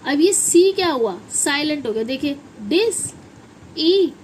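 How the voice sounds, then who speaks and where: A woman's voice: high voice, animated, normal speed, a little mellow, a little hiss or hum, low-quality recording. A woman with a Hindi accent teaching English pronunciation in a classroom style, often asking questions and answering them herself.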